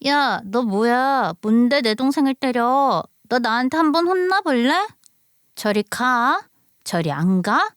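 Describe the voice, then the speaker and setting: A woman's voice: fairly high pitch, expressive, slow, clear, resonant tone, dry recording, studio quality, voice pushed up. A woman voicing a bossy older girl who threatens and scolds a younger child. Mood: menacing. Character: bossy older girl, protective big sister.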